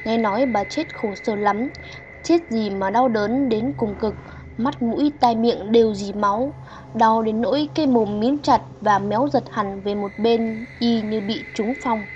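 A woman's voice: on the high side, unhurried, a little mellow. Woman narrating a ghost story. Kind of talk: scripted horror story narration. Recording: dull lo-fi audio with faint hiss.

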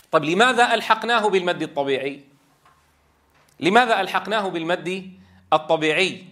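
High bright-voiced man teaching tajweed. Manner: explains patiently, repeats key phrases, stretches vowels to demonstrate. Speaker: Quran teacher trainer. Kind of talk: tajweed lesson.

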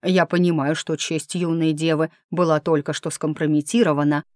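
A woman's voice: low voice, little pitch movement, normal speed, a little mellow, dry recording, studio quality, natural voice. Woman reading as a nervous hesitant old-world priest. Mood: placating. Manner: hesitant, placating. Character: flustered male village priest, nervous and hesitant.

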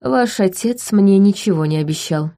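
A woman voicing a restrained young nobleman who speaks coldly and low, through clenched teeth. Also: expressive, normal speed, dark tone, lightly acted. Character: cold, restrained young nobleman, quietly angry.

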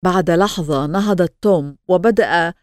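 Woman audiobook narrator, measured scripted reading, lower register. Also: no echo, studio quality.

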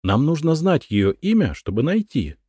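A man voicing a calm young man who speaks gently and coaxingly, in an audiobook. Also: a little high, moderate pace, breathy edge, dry recording, studio quality, pitched above the performer's own voice.

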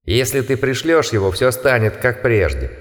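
A man reading an audiobook, voicing a sneering monstrous creature that poses as a schoolboy and shouts taunts. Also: medium pitch, very animated, moderate pace, big-room sound, lightly acted. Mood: taunting. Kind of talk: audiobook character voice.

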